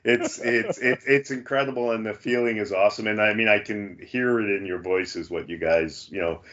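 A man's voice: fairly low pitch, steady tone, normal speed, fairly bright tone. A man hosting a podcast, chatting casually with lots of restarts and fillers. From Canada. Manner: rambling, many restarts and fillers. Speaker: podcast host. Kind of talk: casual chat. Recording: dull lo-fi sound.

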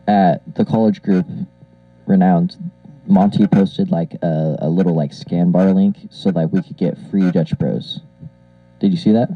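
A man's voice: low-pitched, no room sound. A young man co-hosting a casual podcast through an old karaoke microphone that makes him sound like a pilot on an intercom, rambling and laughing often. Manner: rambling, laughs a lot, filler-heavy. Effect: muffled karaoke-machine mic, like a pilot on an intercom. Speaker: podcast co-host. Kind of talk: casual chat. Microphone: old karaoke machine microphone. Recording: dull lo-fi karaoke mic, dry.

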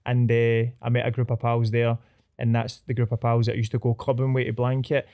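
A man speaks with a Glasgow street accent in a soft-edged, relaxed tone. He is a podcast guest chatting casually and sharing personal anecdotes. His talk is full of slang and swearing, with "mate" dropped in often. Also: medium pitch, a little fast, lo-fi sound.

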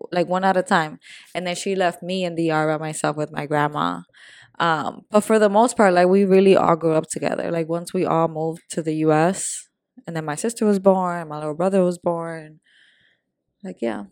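A young woman from Puerto Rico and the Dominican Republic talks in a candid, slangy, easygoing way as a podcast co-host. Her voice sits a bit low. The sound is close and dry, with no room around it. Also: fairly even intonation, moderate pace, darkish tone, dry recording. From born in Puerto Rico, raised in the Dominican Republic. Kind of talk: casual chat.

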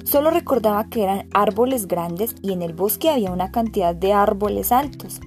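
A woman's voice: mid-range voice, brisk, soft background music. Woman reading a storybook aloud. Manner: even, clear story narration. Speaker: narrator.

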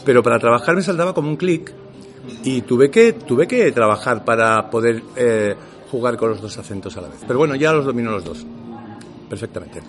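In a casual interview, a middle-aged Seville-born actor speaks a little fast in a mid-range voice. His stories are animated, with quoted dialogue acted out. He uses a neutral Castilian accent for work and an Andalusian one at home.

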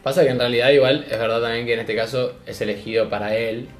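A man's voice: mid-range voice, steady tone, fast, roomy sound. A man co-hosting a casual podcast chat, speaking Rioplatense Spanish, hedging with short interjections. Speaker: podcast co-host.

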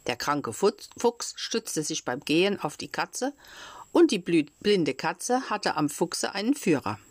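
A woman reading a children's story aloud in a calm, measured way. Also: fairly low pitch, no room sound. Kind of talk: audiobook reading of a children's classic.

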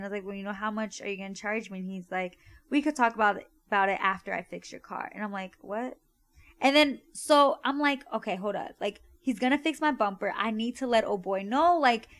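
A young woman hosting a podcast, telling a personal story in a chatty way, full of "like" and "right?". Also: medium pitch. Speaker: podcast host. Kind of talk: casual storytelling.

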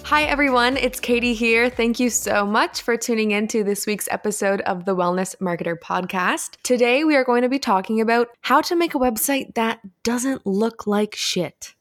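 A woman's voice: on the high side, normal speed, hardly any pauses, fairly bright tone. A woman hosting a casual solo podcast, giving advice in an upbeat, tidy vlogger style with chatty, slangy informality. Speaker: podcast host.

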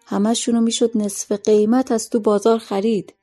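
A woman voicing a sly, respected man who speaks quietly and knowingly, in a story reading. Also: fairly high pitch, little pitch movement, faint music behind. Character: sly, respected middle-aged man, smug.

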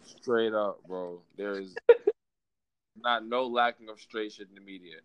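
A man's voice: on the low side, slow pace, a bit bright, clean tone, no echo, muffled recording. A young American man debating casually in slangy frat-bro talk, swearing and stammering over repeated words.

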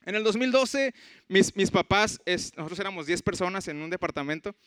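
Bright, high-voiced young Mexican man. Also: brisk, dry recording. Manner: animated storyteller, quoting others in changing voices. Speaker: speaker giving a testimony. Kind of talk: personal faith testimony.

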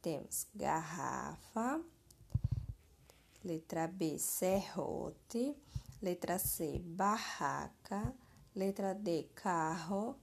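A woman teacher reads out answer keys for young pupils, slowly and deliberately, spelling words out. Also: fairly low pitch, expressive, vocal fry, slight background noise. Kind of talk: slow classroom answer-key reading.

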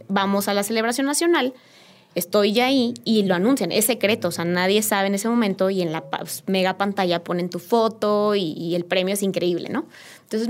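A woman with a Mexican accent, a podcast guest telling a personal story in a lively, emotional, chatty way. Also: mid-range voice. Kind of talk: casual interview storytelling.

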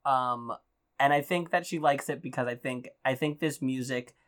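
A woman hosting a casual chat in an informal, halting, teasing way. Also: extremely low pitch. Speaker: podcast host.

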